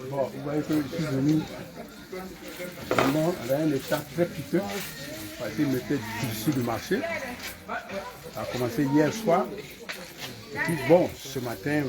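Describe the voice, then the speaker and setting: A man calmly recounting his deliverance in a church testimony. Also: medium pitch. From Ivory Coast. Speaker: congregant giving testimony. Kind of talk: spoken testimony. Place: church gathering.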